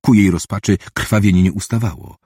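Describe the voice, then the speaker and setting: A man reading a novel aloud as an audiobook, in an even, measured narration. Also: low-pitched, gravelly, slightly rough, dry recording, studio quality.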